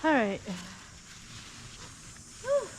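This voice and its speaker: A woman's voice: high voice, wildly swooping pitch, drawn-out words, slight background noise, poor audio. Breathless woman rambling through her garden. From South Dakota. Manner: rambling, candid, with many fillers. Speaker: gardening vlogger. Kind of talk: casual garden update chat. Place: outdoor vegetable garden.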